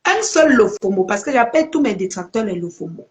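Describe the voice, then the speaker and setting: A woman's voice: mid-range voice, very animated, fairly quick. A woman, delivering a confrontational vlog rant to her followers and repeating her points for effect. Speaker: social media personality. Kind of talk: live video rant to followers.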